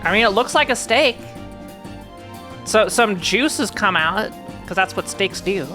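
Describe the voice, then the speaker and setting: A woman's voice: medium pitch, expressive, a little slow, over music. A woman streamer chatting casually with her viewers while playing a game, rambling and answering chat.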